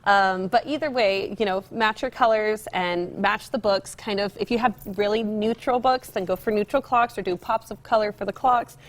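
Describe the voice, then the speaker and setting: This young American woman, on TV as a home decor store representative, speaks at normal speed in a mid-range voice with few pauses. The demonstration interview on the studio set stays casual and upbeat.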